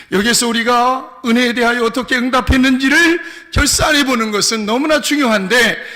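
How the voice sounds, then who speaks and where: A man's voice: very high voice, pushed and bright. A male pastor preaching a sermon, leading his congregation in call-and-response. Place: church sanctuary. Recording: long church hall reverb.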